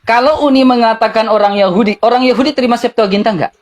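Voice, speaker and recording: A man in an online debate, keeping a calm, teasing tone and chuckling as he tries to soothe his opponent. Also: very high-pitched, fast talker.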